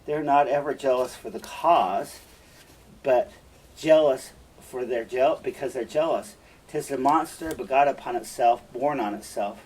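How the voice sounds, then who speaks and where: A man's voice: medium pitch, a little slow, a little mellow, husky. Emilia, a man reading a worldly outspoken woman. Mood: knowing. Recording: distant mic, faint room noise.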